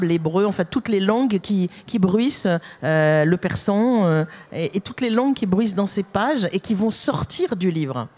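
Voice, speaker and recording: A woman's voice: mid-range voice, a little mellow. A woman author and publisher on a panel discussion, telling anecdotes with enthusiasm.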